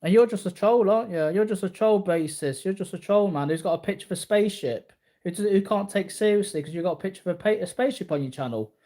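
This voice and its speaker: A martial arts vlogger in his early forties talks to viewers in a high, mellow voice at a fast clip. He rambles casually, repeating himself and boasting.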